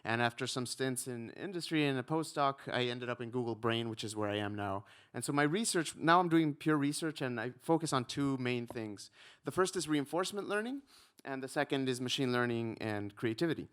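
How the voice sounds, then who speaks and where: A man from Ecuador, likely in his thirties, giving a relaxed conference talk with frequent ums and a self-deprecating touch. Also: medium pitch, fairly quick, clean tone. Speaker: conference speaker, researcher.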